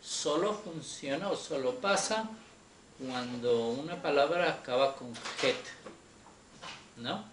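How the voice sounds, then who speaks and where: A man teaching Hebrew grammar in a Torah class, slow and patient, often checking that his students follow. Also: a little high, expressive, fairly bright tone. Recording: echoey room with faint noise.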